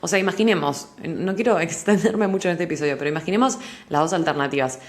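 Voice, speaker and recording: Fast-talking Rioplatense woman, low voice. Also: echoey room. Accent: Rioplatense Spanish. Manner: animated, explaining with everyday examples. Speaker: podcast host. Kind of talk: casual solo podcast talk.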